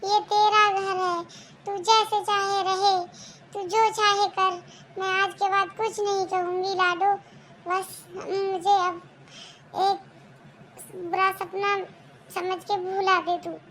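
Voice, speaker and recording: A performer voicing a harsh scolding mother-in-law in a homemade cartoon, shrill and rapid when angry. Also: little pitch movement, fairly bright tone, slight background noise, exaggerated voice. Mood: pleading. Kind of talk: cartoon voice acting.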